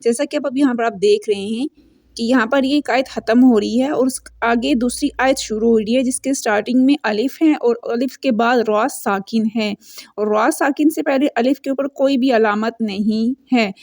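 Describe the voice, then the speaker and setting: A woman with a fairly high voice and a darkish tone teaches Quran recitation, patiently explaining each rule step by step and repeating herself. She slows right down to chant every example verse, stretching it out. The recording is close and dry with no room sound.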